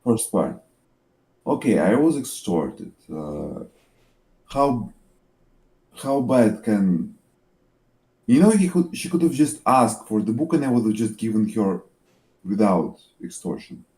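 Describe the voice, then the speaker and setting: A man talking casually as a tabletop game player, halting and exasperated. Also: fairly low pitch, very animated, dark tone.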